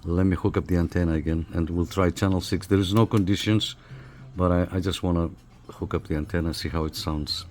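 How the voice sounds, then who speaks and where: This hobbyist reviewer talks briskly in a low, darkish voice with fairly even intonation, hesitating and repeating phrases as he thinks aloud over his hands-on work. Background noise is clearly present in the recording.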